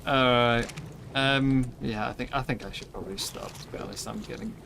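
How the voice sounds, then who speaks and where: Over a noisy background, a gravelly, medium-pitched male voice talks fairly quickly. The speaker is a weary, yawning streamer playing a survival game live, his casual chatter rambling, packed with ums and self-corrections.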